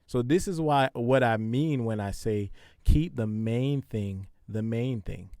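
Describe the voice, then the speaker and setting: A man's voice: medium pitch, slow pace, mellow, dry recording, clean studio sound. A man hosting a podcast, giving casual parenting advice in a conversational, repetitive, preachy way. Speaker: podcast host.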